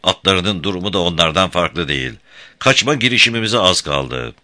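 Low, very bright male storyteller. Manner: lively, dramatic storytelling. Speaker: audiobook narrator. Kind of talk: scripted narration.

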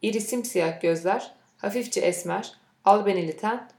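Female narrator, mid pitch, measured audiobook read, roomy echo. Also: darkish tone.

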